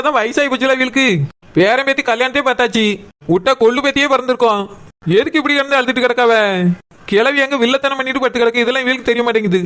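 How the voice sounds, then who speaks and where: A high, bright, smooth voice rattles along fast as a sly cartoon aunt, put on by a man. She wheedles and meddles and always has an excuse ready. The delivery is quick and crisp. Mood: scheming. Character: sly meddling woman, gossipy sister-in-law. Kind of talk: cartoon voice acting.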